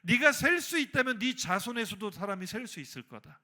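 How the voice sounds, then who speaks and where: A man voicing God as a calm, fatherly figure who speaks gently and reassuringly. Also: sits high, pitched above the performer's own voice, heavily acted. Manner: gentle, measured, soothing.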